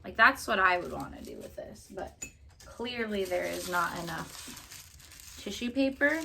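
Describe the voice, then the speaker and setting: Gravelly woman in her late twenties, chatting. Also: medium pitch, lively intonation, measured pace, bright, forceful tone, slight background noise. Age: late 20s. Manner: chatty, rambling and playful. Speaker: craft vlogger. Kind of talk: casual chat while crafting.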